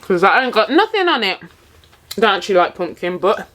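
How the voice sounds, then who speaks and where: A woman vlogger chatting casually to camera while eating, telling stories in an animated way with her mouth sometimes full. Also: medium pitch, moderate pace. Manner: animated storytelling, acting out quotes. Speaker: English teacher. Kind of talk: casual mukbang chat to camera.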